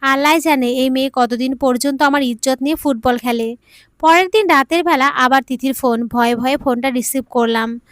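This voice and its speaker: A woman narrating an emotional audio story in a calm, even storytelling manner. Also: sits high, moderate pace, no echo, clean studio sound.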